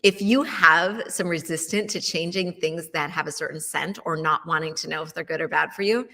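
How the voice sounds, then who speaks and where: Middle-aged woman, bright chatty host, casual storytelling, reverberant room. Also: low-pitched, moderate pace, vocal fry. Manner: chatty, asks listeners questions, many fillers. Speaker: wellness show host.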